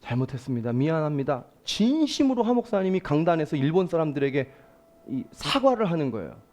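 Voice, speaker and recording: A man's voice: on the high side, sing-song, fairly quick, darkish tone. A male pastor preaching a Sunday sermon in a church, emphatic and calling out to the congregation.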